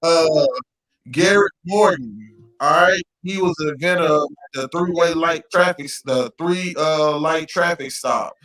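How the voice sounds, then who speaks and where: A man's voice: a little high, unhurried, fairly bright tone. Laid-back man, podcast co-host. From Louisiana. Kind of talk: casual podcast chat.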